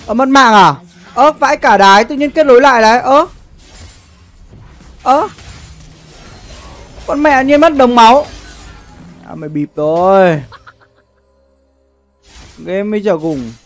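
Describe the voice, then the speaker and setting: Over soft background music, a young male livestream gamer chats in a very high-pitched, expressive, fairly bright voice, taking his time and pausing often. Speaking from an indoor streaming setup, he comments on the game casually, swears, uses slang, and says the same things again and again.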